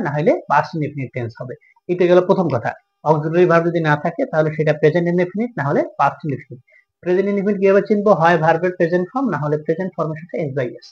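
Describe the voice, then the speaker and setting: A male teacher with a Bangladeshi Bengali accent runs a grammar lesson at a brisk clip. He keeps posing questions and answering them himself, in a high voice on a dull, lo-fi recording. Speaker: English teacher.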